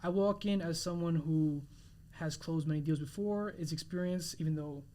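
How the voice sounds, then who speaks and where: A young man with a somewhat higher voice speaks as a guest on a podcast. He talks earnestly, restarting phrases and reaching for words as he explains himself. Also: dark tone, slight background noise. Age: 20s. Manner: earnest, halting, many restarts and fillers. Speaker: realtor guest. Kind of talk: casual interview chat.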